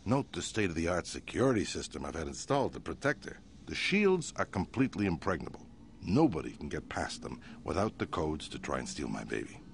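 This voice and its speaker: Smug crime boss, really deep, swoopy grand way of talking. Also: male voice, very animated, a little fast, vocal fry, a little hiss or hum, heavily acted. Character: smooth, self-satisfied male crime boss.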